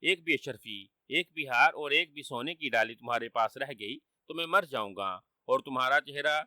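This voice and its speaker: A man's voice: medium pitch, bright, forceful tone, no room sound, studio quality. A man voicing a wily trickster who fakes dying, whining and sly.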